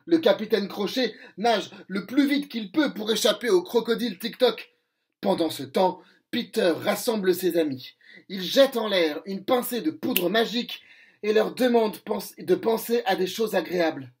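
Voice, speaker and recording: A man reading a storybook aloud to children, slow and expressive. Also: sits high.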